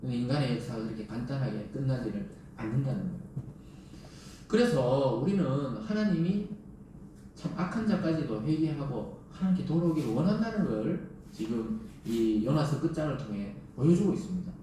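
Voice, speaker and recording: A man's voice: medium pitch, expressive, brisk, dark tone, a little hiss or hum. A man preaching a sermon as pastor. He keeps asking the congregation rhetorical questions and acts out quoted lines. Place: church sanctuary. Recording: very echoey hall, mic at a distance.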